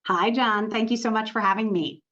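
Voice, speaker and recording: A woman's voice: fairly high pitch, brisk, a bit bright, muffled recording. A woman from Montreal, Canada, a corporate communications executive, telling her story as a podcast guest with frequent "you know" fillers. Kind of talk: podcast interview.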